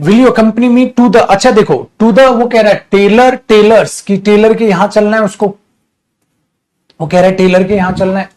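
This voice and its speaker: Middle-aged male tutor, slightly high voice, stern earnest lecturer addressing students from his studio. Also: a little mellow. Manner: scolding, earnest lecturing tone, calls students beta. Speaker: teacher. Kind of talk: online English grammar class.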